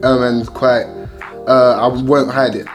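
A man's voice: mid-range voice, level tone, measured pace. An eighteen-year-old man with a London accent, a podcast guest talking casually about his projects and filling his speech with "and stuff" and "yeah". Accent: London English. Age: late teens. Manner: laid-back, agrees often, filler-heavy. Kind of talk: casual conversation. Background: faint background music.

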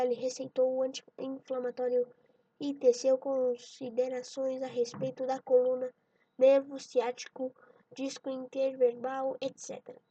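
A woman with a high but mellow voice reads jokes aloud, tripping over words now and then. She sounds far from the mic, on a dull, lo-fi recording. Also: breathy edge, no room sound. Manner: laughs at own jokes, stumbles over words. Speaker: joke reader.

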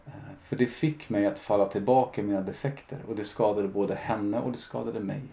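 A man's voice: lowish voice, steady tone, creaky, dark tone. A man, a podcast guest, telling his own story in a candid, reflective way, often retelling conversations with lots of fillers.

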